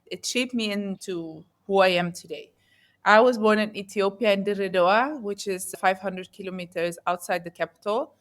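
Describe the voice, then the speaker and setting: A woman who grew up in the Netherlands appears as a guest entrepreneur in an interview, speaking at normal speed with a medium pitch. She's earnest and reflective, often searching for words.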